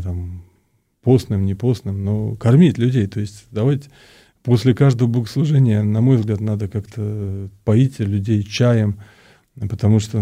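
Being interviewed, a priest explains things in a mellow, slightly rough, lowish voice, frequently repeating himself and groping for the right words as he answers.

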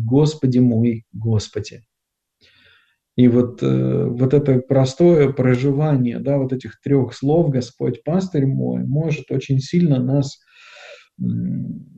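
Man, gravelly low voice, very dark mellow tone, dull lo-fi recording, slow reflective spiritual talk. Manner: soft, unhurried, many pauses and fillers.

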